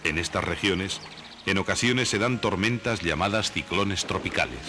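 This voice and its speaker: A man reading scripted nature documentary narration in a measured, didactic way. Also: deep voice. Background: background music.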